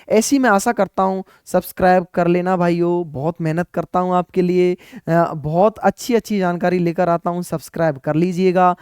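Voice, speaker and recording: A man's voice: high-pitched, darkish tone, clear, resonant tone, no echo, studio quality. A man, giving earnest, repetitive study advice as an exam coaching teacher.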